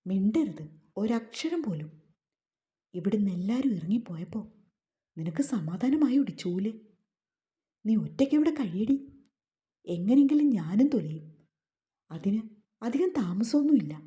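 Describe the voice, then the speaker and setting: A woman's voice: mid-range voice, sing-song, measured pace, pauses often, mellow. A woman voicing a cruel, resentful young husband who speaks in a harsh, taunting, menacing way. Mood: angry.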